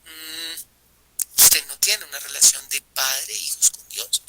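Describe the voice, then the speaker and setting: A man's voice: a little high, measured pace, creaky, bright, forceful tone, a little hiss or hum, rough recording. A man with a Colombian accent leading a Bible study group, often putting rhetorical questions to his listeners and repeating phrases.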